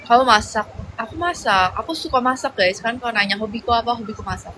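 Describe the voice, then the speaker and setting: A woman's voice: on the high side, quick pace, pushed and bright, slight background noise, low-quality recording. A young woman chatting casually on a livestream, reading out viewer comments and rambling with slangy fillers.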